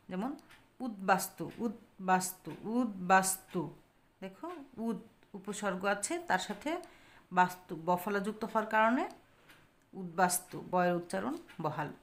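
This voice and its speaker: Speaking in a mid-range voice, a woman teaches pronunciation as part of a grammar lesson, slowly repeating sample words and posing questions she then answers herself.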